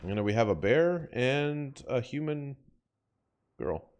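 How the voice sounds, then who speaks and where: A man's voice: mid-range voice, animated, slow pace, darkish tone, clear, resonant tone. A man hosting a let's-play, talking casually with offhand, muttered asides. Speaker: gaming video host.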